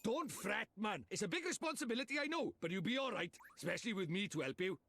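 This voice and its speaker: Brash Welsh fairy lord, very high, lively, cheeky, over faint game music. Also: male voice, vocal fry, dry recording, exaggerated voice. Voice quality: fast-talking, cheeky, blustering. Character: small cocky male fairy lord, brash. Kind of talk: video game voice acting.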